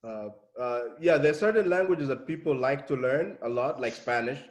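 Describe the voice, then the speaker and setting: Host: man, mid-pitched voice, casual and halting, pauses a lot mid-sentence. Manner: hesitant, many fillers. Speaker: host of language channel. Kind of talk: casual interview chat.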